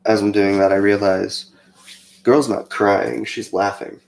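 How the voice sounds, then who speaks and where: A young man telling a personal story in a casual, chatty way, rambling with fillers and turning animated when he quotes himself. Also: lowish voice, unhurried, gravelly. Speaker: co-host of a faith channel. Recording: echoey room.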